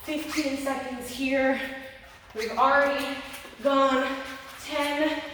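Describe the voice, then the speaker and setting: A woman's voice: sits high, little pitch movement, slow pace, a bit bright, recorded from a distance, slight background noise. Encouraging woman fitness instructor, echoey room. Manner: encouraging, cueing each move step by step. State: a little out of breath. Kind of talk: workout instruction with countdowns.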